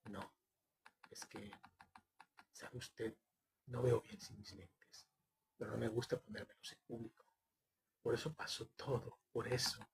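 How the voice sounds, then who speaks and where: A man's voice: mid-range voice, flat delivery, unhurried, creaky, long pauses, slight background noise. A man reading a distraught grieving mother. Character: distraught mother, middle-aged woman, grieving and self-reproaching.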